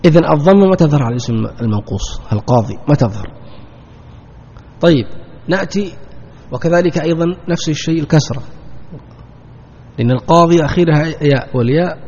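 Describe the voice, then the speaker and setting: A man's slightly high, somewhat mellow, faintly rough voice leads a grammar class, where he repeats key terms and answers the questions he puts to students. The recording is dull, lo-fi, and echoes at length through a hall.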